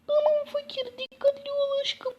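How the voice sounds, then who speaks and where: A sweet, very high-voiced young wife, put on by a woman. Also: level tone, moderate pace, muffled recording, noisy background. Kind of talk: game parody role-play.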